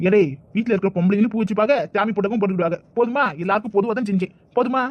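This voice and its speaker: A man's voice: high-pitched, rapid-fire, dry recording, natural voice. A man voicing a boastful, defensive young village man in a cartoon comedy, with a Kanyakumari Tamil accent. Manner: defensive, explaining himself. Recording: dull lo-fi recording.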